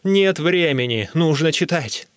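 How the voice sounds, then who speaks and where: A man voicing a frantic young writer who pleads and wails in a shrill, raised voice. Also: big pitch swings, moderate pace, fairly bright tone, no room sound, studio quality. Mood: pleading.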